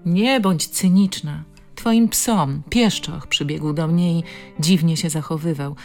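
A woman's voice: low-pitched, slow pace, a little mellow, faint music behind. A woman voicing a caring, worried female friend who talks earnestly and eagerly.

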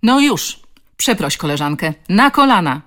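A woman's voice: sits low, moderate pace. A woman voicing a fierce adult woman who defends a child, speaking in a strong, throaty, commanding tone. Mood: scolding. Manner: scolding, commanding.

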